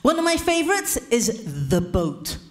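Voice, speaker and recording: A woman preaching a lively, humorous sermon in church, pausing for an interpreter. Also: high voice. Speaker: pastor.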